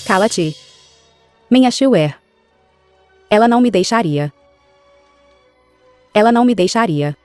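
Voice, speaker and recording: Uma mãe nobre e feroz. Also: female voice, medium pitch, lively intonation, slow pace, long pauses, darkish tone, dry recording, faint music behind. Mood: anguished. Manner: accusing, then desperate pleading. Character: grieving mother, noble general's wife, fierce. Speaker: dubbing actress.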